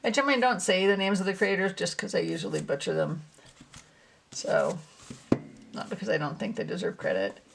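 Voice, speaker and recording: A woman's voice: medium pitch, animated, brisk, vocal fry, pauses often, a little hiss or hum. A woman hosting a casual tarot unboxing video, musing to herself as she handles the cards, a little out of breath. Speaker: tarot channel host.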